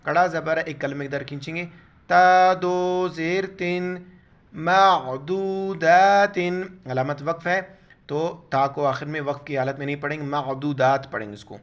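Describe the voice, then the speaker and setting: A man teaching Quran recitation word by word, spelling out letters and vowel marks, then slowly drawing out each recited word. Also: a little high, a bit bright.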